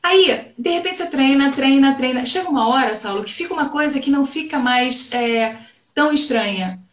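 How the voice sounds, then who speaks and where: A woman with a Rio de Janeiro accent talks through voice technique as a speech therapist, pausing to demonstrate examples. Her voice sits fairly high, and the room around her rings with echo. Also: expressive. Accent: Rio de Janeiro Portuguese. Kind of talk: conversational interview.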